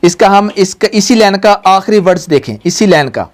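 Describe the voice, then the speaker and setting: A woman's voice: medium pitch, lively intonation, normal speed. A woman, a Quran teacher patiently guiding a pupil, drawing out each syllable and having it repeated. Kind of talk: patient recitation lesson.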